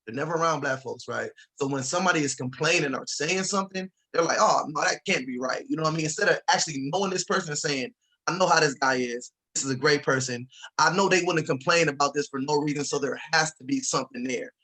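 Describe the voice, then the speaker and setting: A man's voice: fairly high pitch, fast, pushed and bright, low-quality recording. A young man, a former college athlete, speaking emphatically in a panel discussion and checking in with his listeners.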